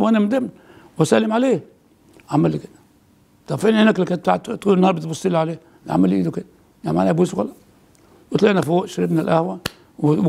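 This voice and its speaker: An older man, a priest with an Egyptian Arabic accent, telling a story in casual conversation. He talks in quick bursts with frequent restarts and repeated words. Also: sits high, creaky, a little mellow. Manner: rapid, halting retelling with many restarts and repeated words.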